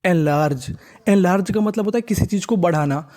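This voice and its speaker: A patient reading teacher with a mellow tone works through English spellings one letter at a time. Each new sound gets a quick question and an immediate answer, repeated for drilling, at a mid pitch. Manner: slow, repetitive spelling out of letters. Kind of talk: step-by-step phonics lesson.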